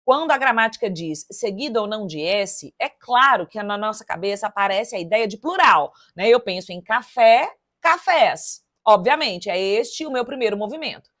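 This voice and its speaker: A woman teaching for an exam, working through test questions aloud in a lively, chatty way and speaking straight to her students. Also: medium pitch, moderate pace, few pauses. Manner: lively and chatty, addressing students directly, counting syllables aloud. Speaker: Portuguese teacher.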